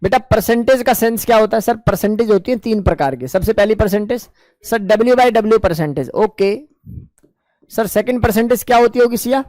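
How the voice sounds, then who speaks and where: A man's voice: sits high, moderate pace, darkish tone, no room sound. A man teaching a chemistry class in with English terms mixed in, asking his students questions and answering them himself in a coaxing, affectionate way. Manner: mixes English terms into Hindi. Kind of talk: classroom lecture.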